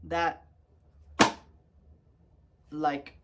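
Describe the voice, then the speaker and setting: A man's voice: fairly high pitch, flat delivery, drawn-out words, noisy background. Young man rambling through a storytime. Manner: rambling, lots of fillers and restarts, laughs at himself. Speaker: vlogger telling a story. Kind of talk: casual storytime.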